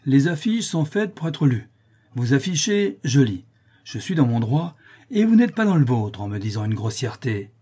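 A man's voice: on the high side, expressive, fairly quick, warm tone, husky, voice pushed up. A man voicing a naive, pompous middle-aged busybody man who speaks sententiously. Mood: indignant. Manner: sententious, indignant.

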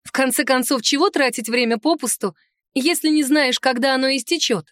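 A woman reads a first-person fantasy romance aloud in a rather high voice, lively and wry in her asides. The recording is close and dry, with no room sound. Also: a little fast, dry recording. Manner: expressive, wry and sarcastic in asides. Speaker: audiobook narrator. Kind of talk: first-person novel reading.

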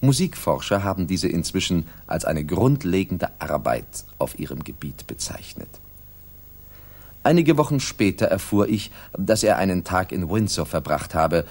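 An actor in a German radio drama playing a composed doctor who narrates his friend's case in measured, literary style. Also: deep voice, darkish tone, exaggerated voice.

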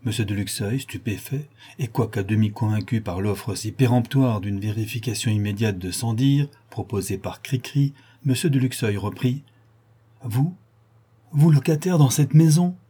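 A man reading a classic novel aloud as a measured audiobook narrator. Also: on the low side, warm tone, slightly rough. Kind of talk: scripted narration.

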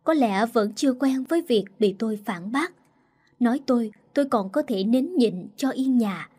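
A woman narrating a first-person family story in a calm, hurt, measured way. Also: on the high side, slightly rough. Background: faint music.

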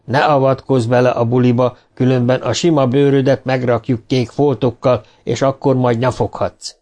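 A man voicing a burly, swaggering spaceship sailor in an audiobook, gruff and mocking. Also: medium pitch, little pitch movement, a little mellow, lightly acted. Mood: threatening.

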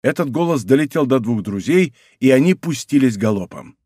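Expressive male audiobook narrator, mid-range voice, dry booth. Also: mid-range voice, fairly quick, slightly rough, no echo. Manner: expressive, theatrical.

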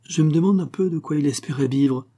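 A man's voice: a little high, brisk, mellow, voice pushed up, close to an everyday voice. A man voicing a stiff, cold older rector, close to his own voice. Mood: indignant.

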